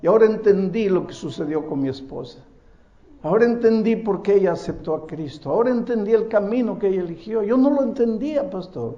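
A man voicing a grieving, bitter middle-aged man who cries out in anguish, his voice high and strained. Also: animated, brisk, mellow, dull audio. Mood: broken remorse.

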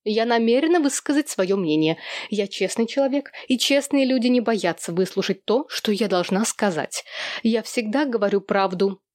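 A woman's voice: medium pitch, expressive, moderate pace, darkish tone, dry recording, studio quality, natural voice. A woman reading aloud and voicing an indignant, self-righteous adult sister who lectures in a raised voice.

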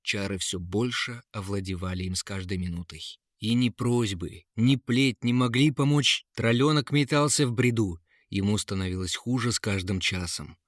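A man narrating a fairy tale in a dramatic, measured way, close to the mic. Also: on the low side, no echo. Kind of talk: storybook narration.

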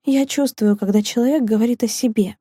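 A woman voicing a fiery, sharp-tongued young woman who answers back defiantly in an audiobook. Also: on the high side, slightly rough, no echo, clean studio sound. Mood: indignant. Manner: defiant, quick-tempered retorts. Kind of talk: audiobook character reading.

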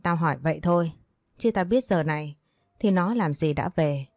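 Woman voicing a bullying old moneylender lady, blunt and rude, low dark tone, dry sound. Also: moderate pace, no echo. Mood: harsh. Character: harsh older village moneylender woman.

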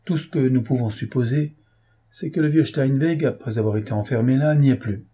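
A man's voice: mid-range voice, brisk, dark tone, husky, close to an everyday voice. Man reading a fussy, insistent investigating judge. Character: fussy, self-important male investigating judge.

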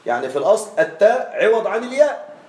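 A man with a fairly high voice teaches grammar in a classroom lesson. He stretches out each example form slowly and keeps checking that the students follow. The room sounds echoey and hollow. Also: big pitch swings, a little mellow. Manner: checks on students with frequent questions; drawn-out slow spelling of example forms.

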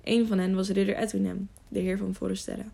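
Brief: female audiobook narrator, gravelly voice, mid pitch. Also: quick pace. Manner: steady reading with small slips.

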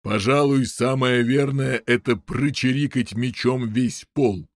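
A huge, bullying giant who draws out every threat, loud and heavy, in a slow, unhurried drawl, as a male narrator voices him. The voice sits at an ordinary male pitch but has a strained, altered edge. The recording is dry and close, with no room behind it. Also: no room sound, close to an everyday voice. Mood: gloating. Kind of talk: audiobook character voice.

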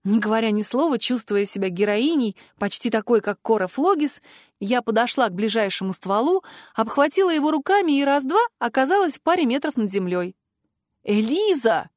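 A woman with a fairly high voice narrates a first-person fantasy audiobook, expressive and emotional. The close studio mic gives a dry sound with no room around it. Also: brisk, dry recording.

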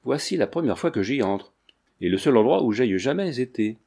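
Young peasant, steady, unmoved, defiant, man reader's voice, mellow. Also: mid-range voice, a little fast, gravelly, breathy edge, full character voice.

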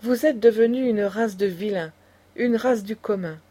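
A woman's voice: medium pitch, normal speed, dark tone, lightly acted. A woman voicing an indignant aristocratic old grandmother who lectures with passion. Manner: impassioned, lecturing.

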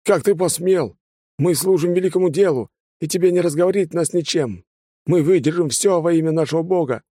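A man's voice: on the high side, a little fast, mellow, no echo, clean studio sound, voice pushed up, lightly acted. A man reading an audiobook, voicing a zealous cultist thug who rants defiantly. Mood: fanatical. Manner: ranting, defiant. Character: fanatical male cultist thug, zealous, shouting.

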